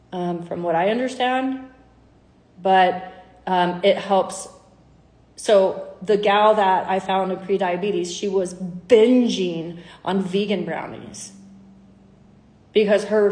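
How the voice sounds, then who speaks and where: A woman's voice: medium pitch, a little mellow, echoey room. A woman health coach in candid, casual talk to her followers, acting out conversations with clients. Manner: chatty, candid, acts out dialogue.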